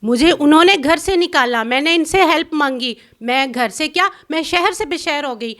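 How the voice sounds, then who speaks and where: A middle-aged woman from Pakistan gives an interview in a high voice. She talks bitterly and insistently, accusing and complaining with strong feeling. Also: a bit bright. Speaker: interview guest.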